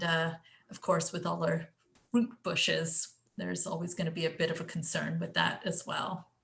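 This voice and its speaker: A woman's voice: on the low side, a bit bright. An English woman chatting casually through a garden presentation on a video call, self-deprecating and full of fillers. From England. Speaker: guest speaker presenting her garden.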